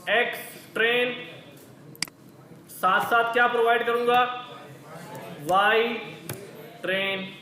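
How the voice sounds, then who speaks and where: A man's voice: extremely high pitch, sharp tone, echoey room, poor audio. A male teacher leading a coding lecture in a casual, conversational way, asking questions and then answering them himself. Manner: conversational, calls listeners brother.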